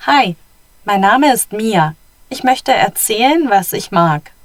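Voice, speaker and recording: A woman's voice: mid-range voice, expressive, slow, no room sound. Woman reading as a friendly schoolgirl. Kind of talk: textbook audio recording.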